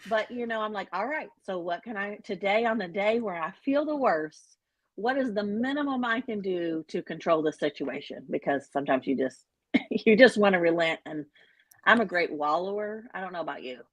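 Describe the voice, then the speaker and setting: A middle-aged woman health coach and author, chatting in an interview in an animated, self-deprecating way with many fillers. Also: medium pitch, normal speed, no room sound. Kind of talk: casual interview chat.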